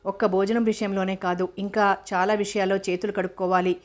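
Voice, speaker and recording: A sharp-tongued young actress who snaps and scolds, as a woman reads her lines aloud. Her voice stays mid-pitched and flat in melody, brushing people off in short, cold sentences. A storybook reading. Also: fairly quick, natural voice. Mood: irritated. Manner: curt and scolding.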